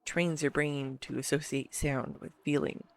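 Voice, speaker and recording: An amateur performer voices a devoted, excitable geek girlfriend who is neurodivergent and affectionate, gushing about her favourite film in a scripted roleplay monologue aimed at the listener. Her deep-ish, creaky voice sounds soft and reflective yet enthusiastic, info-dumping earnestly with halting pauses in intimate one-to-one address, recorded with no echo.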